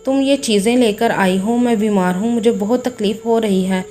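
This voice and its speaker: A woman voicing a meek, mistreated young wife who pleads softly, in a storybook tale. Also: a little high, moderate pace, soft background music, close to an everyday voice. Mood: pleading.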